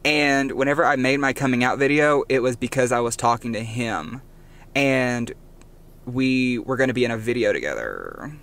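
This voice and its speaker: Speaking at a normal pace with lively intonation, this young podcast co-host has a mid-range, fairly bright voice. He's chatty in a casual conversation, telling stories and fixing his own slips as he goes, recorded on a cheap mic.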